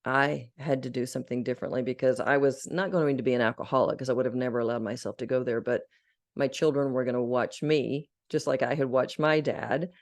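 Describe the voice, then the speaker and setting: Speaking fairly quickly in a rumbling low voice, this middle-aged Arkansas woman has fairly even intonation and a darkish tone. As a podcast guest she tells her life story with earnest, heartfelt candor.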